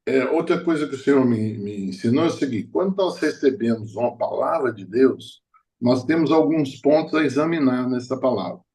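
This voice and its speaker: Man preaching with storytelling warmth. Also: medium pitch. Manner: storytelling, hesitant restarts, laughing at own stories. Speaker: prophet preacher. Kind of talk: sermon.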